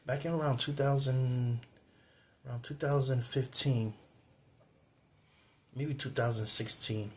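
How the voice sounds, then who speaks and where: Facing the camera indoors, a man hosting his own cultural video channel tells a personal story casually and ramblingly, with many repeats and restarts. His voice is mid-range.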